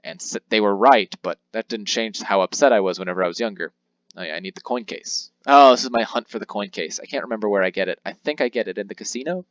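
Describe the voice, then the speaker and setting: Commenting on his handheld game run, a young man rambles, teases himself and voices the on-screen text in character as a let's play host. His voice is on the low side and a bit bright, with a quick pace. The audio is dry and dull.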